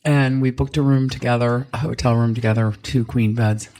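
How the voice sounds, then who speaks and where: A man co-hosting a podcast in casual chat, telling stories upbeat with quick laughs. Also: mid-range voice, fairly even intonation, a little mellow, low-quality recording. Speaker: podcast co-host.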